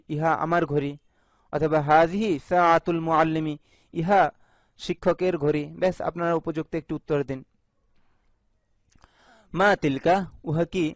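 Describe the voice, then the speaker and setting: A man from Bangladesh teaching an Arabic lesson in a video, going slowly and repeating each phrase with its translation. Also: a little high, no room sound.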